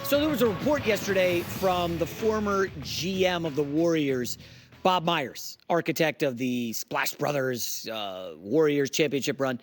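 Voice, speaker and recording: A male sports radio host on a fired-up, sarcastic rant from the studio. His voice sits high and swoops around a lot. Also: animated, unhurried, soft background music. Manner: worked up and sarcastic. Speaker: fill-in sports talk host.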